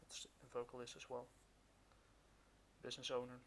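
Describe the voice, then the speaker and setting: A man talking through a face mask, hosting a casual reaction commentary in a halting, hesitant way. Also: mid-range voice, monotone, vocal fry. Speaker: reaction video host. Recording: hissy, noisy recording.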